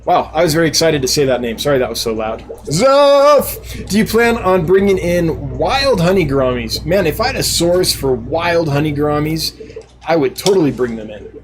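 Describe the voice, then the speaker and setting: A man's voice: on the high side, lively intonation, brisk, poor audio. Chatty man hosting a live stream. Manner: chatty, reads out viewer comments and answers them; laughs often, self-deprecating. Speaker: live stream host and fish seller. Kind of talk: casual live chat.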